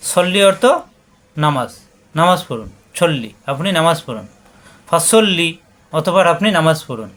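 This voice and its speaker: A man teaching a word-by-word tajweed lesson, patiently drilling syllables and breaking into slow chanted recitation. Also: a little high, a bit bright.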